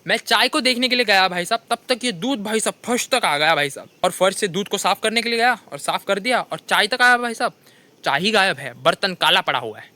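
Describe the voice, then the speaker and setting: A young man with a Hindi accent tells comic stories of his kitchen mishaps, constantly saying "bhai sahab" in an animated monologue. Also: high-pitched, brisk. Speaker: comedian telling funny stories. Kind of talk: stand-up storytelling monologue.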